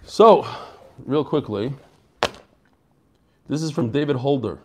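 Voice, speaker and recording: A man giving a casual daily Talmud class, joking and animated, often restarting and correcting himself, with Hebrew and Yiddish terms mixed in. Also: mid-range voice, takes it slowly, slight background noise. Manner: frequent restarts and self-corrections. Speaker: Talmud teacher.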